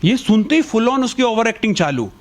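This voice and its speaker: A man doing stand-up, telling a school story in an animated way and acting out the scenes. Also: sits high, a little fast. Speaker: stand-up comedian. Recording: noisy recording.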